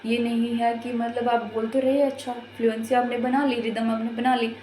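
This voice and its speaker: A woman's voice: on the high side, level tone, moderate pace, mellow, echoey room, a little hiss or hum, poor audio. A woman giving a patient, step-by-step lesson as an exam prep teacher, repeating her points as she explains.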